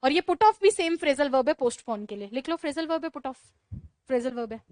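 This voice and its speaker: A woman teaching English vocabulary in a classroom lecture, chatty and brisk, peppering her students with rhetorical questions. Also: high-pitched, animated, a little mellow, no echo.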